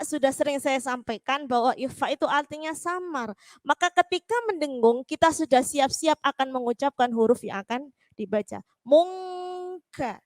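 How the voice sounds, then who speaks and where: A woman teaching a Quran recitation lesson online, repeating syllables and chanting verses slowly for students to follow. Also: sits high, dry recording. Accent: East Javanese.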